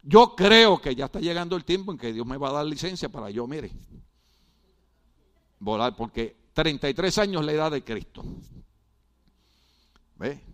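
A man's voice: medium pitch, a bit bright. A middle-aged man preaching a sermon as a pastor, acting out quoted dialogue and asking the congregation questions. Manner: asks the congregation questions, call and response.

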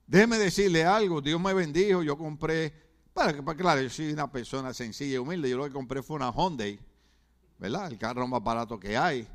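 High-voiced Puerto Rican preacher man. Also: a little fast. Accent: Puerto Rican Spanish. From Puerto Rico. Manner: rhetorical questions to the congregation, humorous asides. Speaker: pastor. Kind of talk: sermon.

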